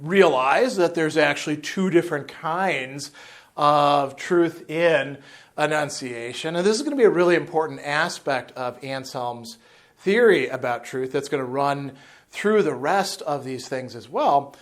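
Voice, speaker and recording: Brief: man, 50s, lively lecturer, slightly higher voice, talks with his hands, lapel mic. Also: a little slow. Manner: animated, gesturing, with asides and restarts. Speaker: philosophy lecturer. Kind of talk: unscripted lecture to camera. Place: indoor room in front of a chalkboard.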